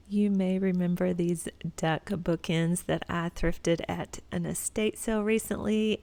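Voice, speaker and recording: A woman's voice: fairly low pitch, a little mellow. A middle-aged woman with a Texas accent, chatting directly to viewers in a voice-over about decorating her home. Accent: Texan.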